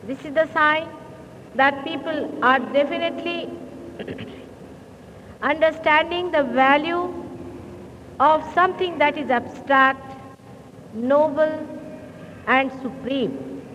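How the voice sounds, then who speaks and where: A woman giving a slow, deliberate sermon to a hall through a microphone, often clearing her throat, heard on an old 1970s recording. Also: sits high, fairly bright tone. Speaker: spiritual teacher. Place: large hall. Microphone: speaking into a hall microphone. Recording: old muffled hall recording with faint hiss.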